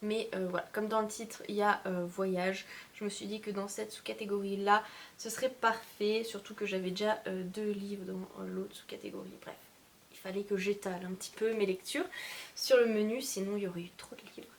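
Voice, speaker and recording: Speaking fairly quickly in a mid-range voice, this book vlogger, an adult mother of young children, chats casually about her reading list. She's hesitant, full of filler sounds and self-mocking, and there's a little hiss or hum on the audio.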